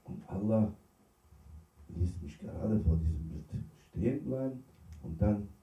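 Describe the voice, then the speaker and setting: A man, a Sufi sheikh who is not a native speaker, tells stories in an unhurried, pausing sermon and laughs at his own jokes. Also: fairly low pitch, animated, lo-fi sound. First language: not German. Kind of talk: sermon with storytelling. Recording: roomy hall, distant mic.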